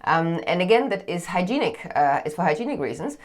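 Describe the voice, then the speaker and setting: Brief: German woman, 30s, low voice, co-host explaining in a home sauna room. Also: sing-song, brisk. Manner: explaining with many fillers and restarts. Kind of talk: casual chat.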